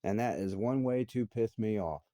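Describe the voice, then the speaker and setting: A man's voice: fairly low pitch, moderate pace, mellow, dry recording. A man in his thirties giving an angry, profane personal rant. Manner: profane, confrontational, heated. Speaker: vlogger.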